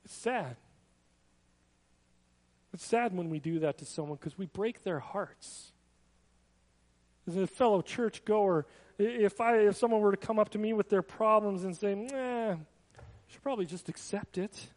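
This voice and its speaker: High-voiced man preaching in a reverberant hall. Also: a little slow, pauses often, darkish tone. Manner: earnest, conversational preaching with personal asides. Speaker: pastor. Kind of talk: sermon.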